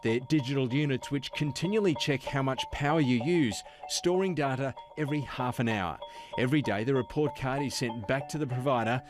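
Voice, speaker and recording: A man's voice: mid-range voice, fairly quick. A man with an Australian accent reading a scripted television news report. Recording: music bed under the voice.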